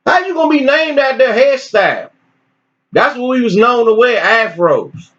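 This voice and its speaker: A man teaching informally and reading articles aloud with his own commentary, in an animated, preachy way with repeated phrases. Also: very high-pitched, moderate pace. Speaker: religious teacher. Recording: dull lo-fi recording.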